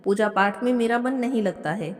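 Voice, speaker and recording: A woman's voice: on the high side, normal speed, close to an everyday voice. A woman voicing a proud, dismissive young daughter-in-law who scorns worship in a devotional story. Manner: dismissive, defiant. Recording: long hall reverb.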